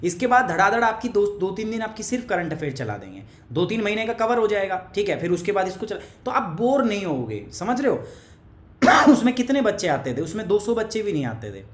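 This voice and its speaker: A man's voice: high voice, big pitch swings, brisk. A male teacher with a cough, giving a chatty live online class and teasing viewers by name. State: has a cough. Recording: echoey room.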